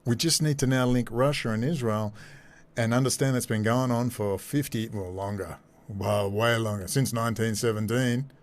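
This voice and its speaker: A man giving animated, sarcastic commentary as a host, repeating his phrases. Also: medium pitch, normal speed. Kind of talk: ranting commentary over clips.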